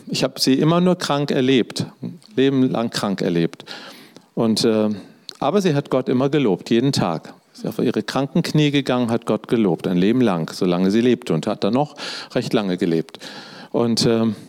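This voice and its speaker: A man's voice: medium pitch, lively intonation, normal speed, darkish tone. A middle-aged man preaching a sermon, telling a personal story in a conversational way and speaking directly to his listeners.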